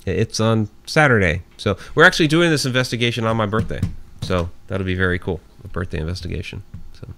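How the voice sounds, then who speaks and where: A man's voice: lowish voice, lively intonation, a little fast, creaky, few pauses, fairly bright tone, slight background noise. A man in his forties hosting a live radio show, casually thanking listeners by name and chatting easily. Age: 40s. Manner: reads out listener names with thanks, easygoing and chatty.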